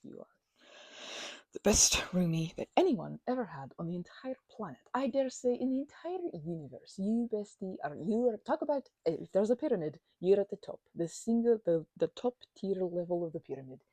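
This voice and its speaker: A woman with a mellow, mid-range voice talks a little fast with big pitch swings, acting out a one-sided ASMR roleplay as an affectionate, chatty housemate on the mend from a migraine. She teases playfully and stammers; the audio is poor but has no echo.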